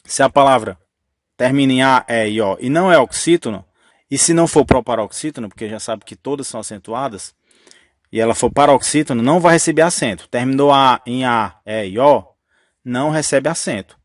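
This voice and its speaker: A man explains grammar rules in a patient, step-by-step teaching voice that keeps restating the key point. His pitch sits in an ordinary middle range. The sound is dry and close, with no room around it. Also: brisk, no echo.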